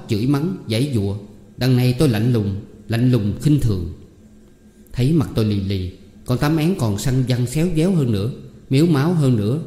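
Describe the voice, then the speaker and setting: A man narrating a first-person story in a measured, dramatic way. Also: medium pitch, warm tone. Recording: echoey room, long reverb.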